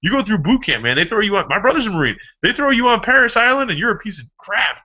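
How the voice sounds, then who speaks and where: A man giving a casual motivational pep talk, rambling and animated, swearing freely. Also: high voice, quick pace. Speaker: motivational vlogger. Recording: dull lo-fi recording.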